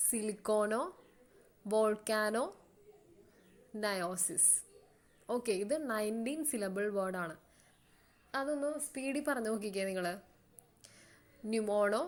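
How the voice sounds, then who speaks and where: A woman teacher with a Malayali accent explaining an English lesson to students, slowly repeating words so they can follow. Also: fairly high pitch.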